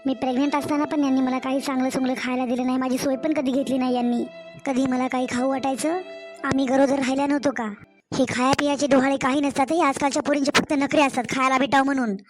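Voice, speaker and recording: A woman's voice: high-pitched, little pitch movement, fast, music in the background, natural voice. A woman voicing a weary young new mother, complaining and pleading to her own mother in a cartoon story.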